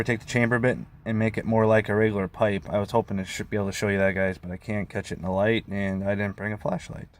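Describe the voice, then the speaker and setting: A man's voice: lowish voice, slight background noise. A man rambling informally in a casual hobby vlog, meandering and often leaving sentences trailing. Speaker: pipe hobbyist vlogger.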